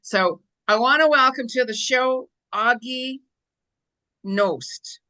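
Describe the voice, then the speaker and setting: A woman's voice: high voice, slow, sharp tone, smooth. A woman hosting a casual interview show, bubbly, laughing often and saying "like" a lot. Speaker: show host.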